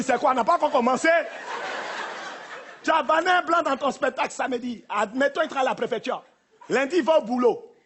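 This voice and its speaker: High-voiced man doing live stand-up. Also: pushed and bright. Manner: punchy, teasing delivery to the crowd. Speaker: stand-up comedian. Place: theater stage, live audience. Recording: live theater, audience and noise.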